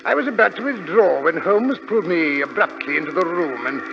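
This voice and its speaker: A man's voice: on the high side, expressive, a little fast, creaky, over music. A man playing a genial, bumbling British doctor in a 1940s radio drama, fussy and a little hesitant. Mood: genial storytelling. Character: genial, bumbling older English doctor and storyteller. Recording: dull, hissy old radio recording.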